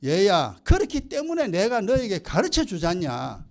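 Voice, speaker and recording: Brief: a man putting on God as a stern, pleading father, loud and high, scolding in a sermon. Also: huge pitch swings, normal speed, creaky, heavily acted. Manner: scolding, raising his voice.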